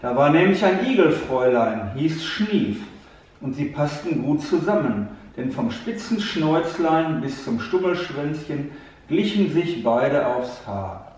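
A man gently telling a fairy tale to a child, speaking to the listener directly, heard from a distant mic in an echoey room. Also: fairly high pitch, animated, measured pace. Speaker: storyteller.

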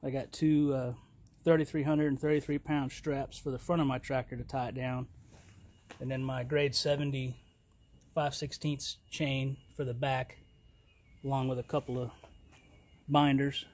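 A man with a flat, mid-range voice reviews a trailer tool box outdoors in a yard next to a trailer. He is the host of a casual product review vlog, and he speaks in a plain, unhurried, folksy way with fillers.

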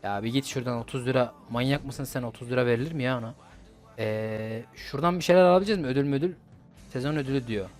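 A man's voice: medium pitch, quick pace, a little mellow. A young man giving casual, slangy gameplay commentary and swearing at his opponents. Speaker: gaming YouTuber. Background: game music.

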